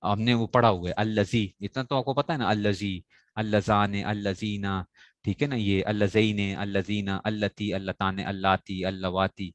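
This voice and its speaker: Low-voiced man teaching a class. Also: no echo. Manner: explains step by step, keeps asking "right?"; stresses correct pronunciation with emphatic rises. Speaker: teacher of Arabic grammar. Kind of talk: classroom lecture.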